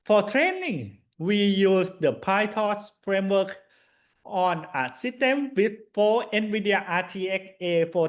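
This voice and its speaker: A man with a notably high voice presents his thesis work from a script. He speaks slowly and hesitantly, breaking sentences into short, halting phrases, in the formal style of an academic slide talk. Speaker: PhD student presenting a thesis.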